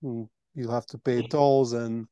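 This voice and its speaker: Man, warm dark tone, smooth voice, even flat delivery, dry close sound. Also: mid-range voice, measured pace, no room sound, muffled recording. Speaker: retreat host. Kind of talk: conversational interview.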